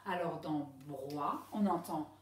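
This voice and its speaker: A woman teaching a reading lesson to young pupils, speaking slowly and sounding out each syllable clearly. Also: low voice. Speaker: primary school teacher. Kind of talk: slow classroom reading lesson. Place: classroom with a board. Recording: echoey room, voice a bit far from the mic.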